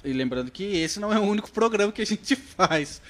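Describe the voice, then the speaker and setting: Lisping man, slightly high voice. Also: animated, quick pace, noisy background. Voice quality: lisp with slushy s sounds. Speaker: podcast host. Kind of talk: joking casual interview chat.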